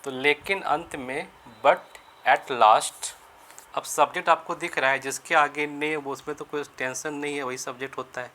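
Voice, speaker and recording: A man teaching English grammar in Hindi, explaining each sentence step by step and slowing down to spell out the English phrases. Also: a little high, fairly even intonation, bright, forceful tone. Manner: repeats and rephrases sentences, asks and answers his own questions. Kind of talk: Hindi-medium grammar lesson.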